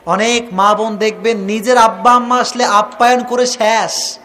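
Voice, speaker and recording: A male preacher giving a sermon to a crowd. He shouts questions at the listeners and wants loud replies, acts out quarrels between husband and wife, and mixes English phrases into his talk. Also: sits high, little pitch movement, normal speed. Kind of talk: Bangla waz sermon to a crowd.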